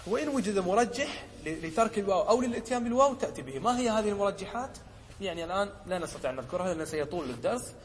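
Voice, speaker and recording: A man, a sheikh teaching a lesson, who explains a poem, often checks whether his students follow, and slows down to quote examples. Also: sits high, animated, long reverb tail. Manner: asks the class short checking questions. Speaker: sheikh teaching Arabic rhetoric.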